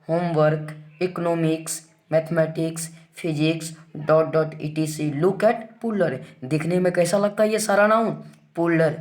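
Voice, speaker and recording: A man teaching English grammar rules in Hindi, with an Indian accent in English, who poses questions and answers them himself and reads the rules out slowly. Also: a little high, a little mellow. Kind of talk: classroom-style grammar lesson.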